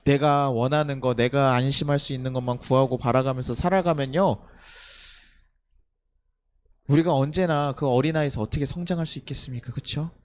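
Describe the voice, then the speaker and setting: A man's voice: medium pitch, steady tone, fast, hardly any pauses. A young man preaching at a night service as pastor, talking with the congregation, asking rhetorical questions and sometimes acting out scolding a child. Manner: acts out scolding a child with loud outbursts. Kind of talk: sermon.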